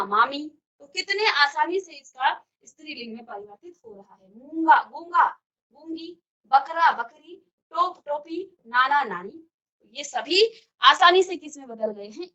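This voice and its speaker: High bright lady teacher walking thru grammar rules, asks then answers herself, kinda dull lo-fi sound. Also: lively intonation, unhurried. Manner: explains step by step, often asks and answers her own questions. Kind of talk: classroom grammar lesson. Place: virtual classroom studio.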